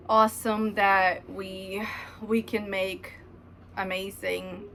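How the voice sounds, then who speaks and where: A Ukrainian woman in her thirties, a knitting vlogger, chats casually to the camera at home about her knitting, rambling with lots of ums. Her mid-range voice sounds pushed and bright, with slight background noise.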